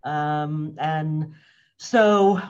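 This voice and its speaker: Woman, fifties, lowish voice, reflective podcast guest, lo-fi recording. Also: drawn-out words, darkish tone, smooth. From US, grew up in Cambridge, Massachusetts. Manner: thoughtful, loose, with many fillers and restarts. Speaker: guest, organizational wellness consultant. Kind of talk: casual interview talk.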